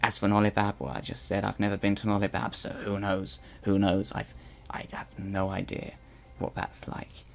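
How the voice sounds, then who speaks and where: In an in-character live stream chat roleplay, a man voices a boastful male Slig guard who has become a propaganda newscaster. His lowish, gravelly voice comes out completely flat at a moderate pace, yet he's blustery and rambling, stammering into restarts in a weird put-on accent.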